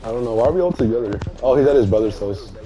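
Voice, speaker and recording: A man's voice: mid-range voice, expressive, racing. A young man streaming a game with friends, trading crude, laughing banter in casual chat.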